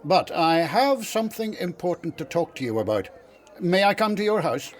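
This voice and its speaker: A calm old prophet. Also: male voice, high voice. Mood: grave. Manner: measured, gently reassuring. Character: wise elderly prophet, calm and kindly. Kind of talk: radio drama acting.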